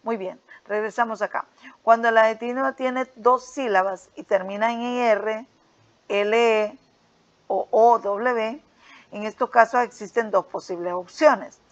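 A woman with a slightly high voice walks her students through a grammar worksheet in a patient, repetitive teaching manner. She keeps checking their understanding as she goes. The recording sounds dull and lo-fi. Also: normal speed. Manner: patient, repeats "¿ok?" and "¿verdad?" often. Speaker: English teacher.

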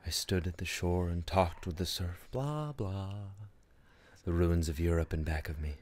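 A man's voice: sits low, measured pace, darkish tone. A man playing a bitter, tormented young prince Hamlet in a theatrical, brooding radio-play monologue that slips between whispers and outbursts. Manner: brooding, dramatic, sardonic, slipping into whispers and outbursts. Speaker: performer in a student radio play. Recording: noisy amateur recording with ambient effects.

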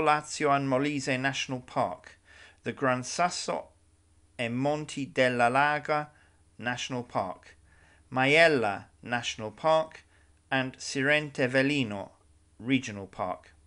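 A man giving scripted travel narration about a region, with light asides in a measured guide's delivery. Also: medium pitch, a bit bright.

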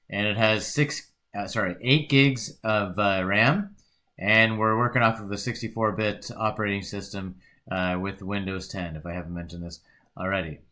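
Low-voiced man giving a casual software walkthrough. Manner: rambling, self-correcting, relaxed. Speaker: instructor. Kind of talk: casual screen-recorded tutorial.

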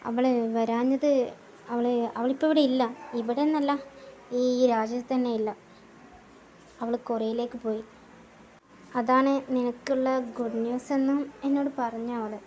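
A woman voicing a calm, sly young man friend who talks in a measured, soothing way in a fan audio drama. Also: highs cut off, a little hiss or hum, lightly acted. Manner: measured, soothing, low and steady.

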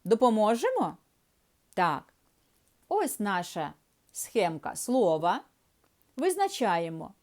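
A woman teaching a reading lesson to small children in a slow, sing-song teacher voice. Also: medium pitch, huge pitch swings, darkish tone. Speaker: preschool teacher. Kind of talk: early-years reading lesson.

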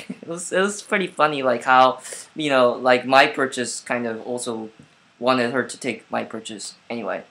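A man's voice: medium pitch, moderate pace, pushed and bright. A man telling a casual vlog story at home, rambling with many fillers and restarts, recorded on his laptop webcam. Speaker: vlogger.

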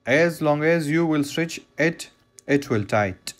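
Slow-talking man explaining knot tying. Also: a little high, lively intonation. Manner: plain, repetitive step-by-step instructions with non-native phrasing. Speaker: fishing knot instructor. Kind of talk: hands-on tutorial voice-over.

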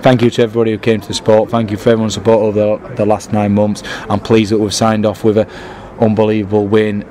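A man, a football manager talking after a match with pride and many restarts. His voice sits low and mellow, with little rise and fall. Faint stadium noise hums behind him. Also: level tone, quick pace. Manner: proud, repetitive restarts. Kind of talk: post-match interview.

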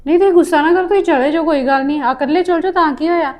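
A young woman talks fast in a high voice, coaxing and defending herself in a family drama. She keeps pleading for calm. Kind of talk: Punjabi family drama acting.

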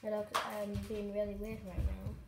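A woman vlogging at home, chatting excitedly to camera in a rambling way with many fillers. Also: mid-range voice, moderate pace. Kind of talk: casual chat to camera. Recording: echoey room with faint noise.

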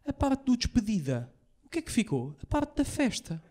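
A young man with a European Portuguese accent doing a stand-up set, telling profane stories rapid-fire and acting out the lines he quotes. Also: very high voice, sing-song, warm tone. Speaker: stand-up comedian. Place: comedy stage before a live audience.

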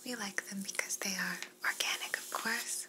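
A woman's voice: mid-range voice, steady tone, moderate pace, lightly acted. A young woman playing an attentive, courteous flight attendant in a whispered role-play, speaking politely as she offers service. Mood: courteous, soothing. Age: young adult.

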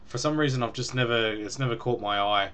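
A man's voice: medium pitch, a little fast, fairly bright tone, smooth. A young man casually reviewing a beer at home on a webcam, chatty and rambling with ums and small laughs. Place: small room at home, indoors.

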